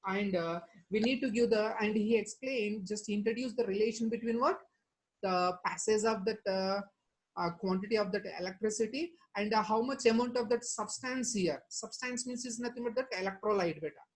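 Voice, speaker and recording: A woman's voice: medium pitch, normal speed, rough recording. A woman with a South Indian accent from Telangana giving an online chemistry lecture, repeating herself and often asking rhetorical questions and adding verbal tags. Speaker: chemistry teacher. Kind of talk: online exam-prep lecture.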